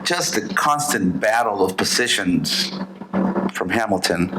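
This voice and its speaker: Low-voiced man chatting on a podcast. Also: expressive, unhurried, background noise. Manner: conversational, rambling with fillers. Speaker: podcast co-host. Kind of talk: casual chat.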